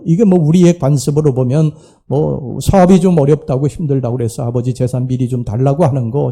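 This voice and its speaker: A man preaching a sermon as pastor in a church sanctuary, swinging between loud emphatic rises and soft low drops.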